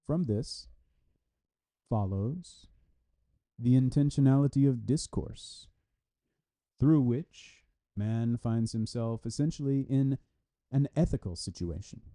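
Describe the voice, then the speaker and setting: Slow and mellow, with long pauses, this medium-pitched male voice works through a translated philosophy article. He keeps to a formal, scripted style, pronouncing punctuation marks and citations as he goes.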